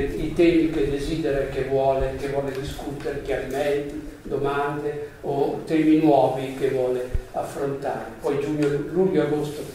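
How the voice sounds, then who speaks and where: A man giving a live psychology seminar, explaining in a slightly halting way and then reading a story aloud. His voice sits a touch high and well away from the mic. The seminar room echoes heavily, with faint noise behind him. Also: mellow, recorded from a distance. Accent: Italian.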